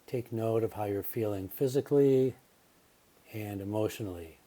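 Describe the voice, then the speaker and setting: Calm and gentle, a man with a voice on the low side guides a yoga nidra relaxation session. He lets his words settle with unhurried pauses.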